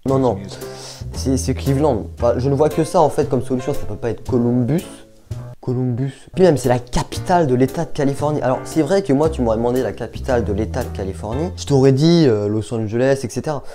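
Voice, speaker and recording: A man's voice: mid-range voice, fast, warm tone, faint music behind. A young man chatting casually to his viewers while thinking aloud, hesitant and chatty. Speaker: youtuber. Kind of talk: casual vlog chat.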